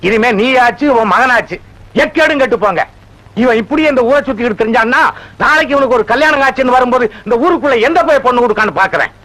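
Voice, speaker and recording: An actor playing a loud, theatrical village father in a comedy film, exclaiming and scolding his son. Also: very high-pitched, fast talker, poor audio. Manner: loud, exclaiming, sing-song praise. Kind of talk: Tamil film comedy acting.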